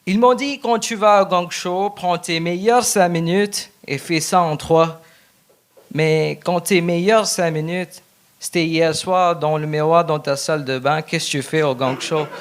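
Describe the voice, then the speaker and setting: A young man from India, a Telugu speaker, doing a deadpan, self-deprecating stand-up set. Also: a little high, a little slow, smooth. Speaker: stand-up contestant.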